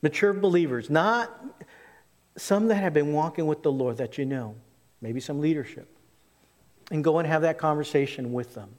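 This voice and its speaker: A man's voice: a little high, normal speed, long pauses, a little mellow. Man preaching at a pulpit microphone, reverberant hall. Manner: conversational, emphatic repetition, rhetorical questions to listeners. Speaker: pastor preaching to a congregation. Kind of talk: sermon, expository Bible preaching. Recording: reverberant hall, long echo.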